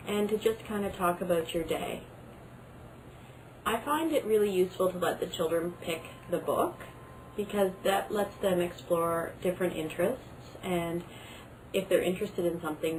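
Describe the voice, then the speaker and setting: A woman's voice: on the low side, darkish tone. A mother giving conversational advice to other parents about family life. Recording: clearly noisy background.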